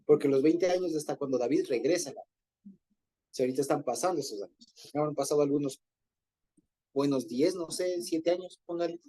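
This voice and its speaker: A man's voice: a little high, normal speed, pauses often, warm tone, breathy edge. A man leading an informal group Bible study, explaining Hebrew words in a conversational way and often rephrasing himself.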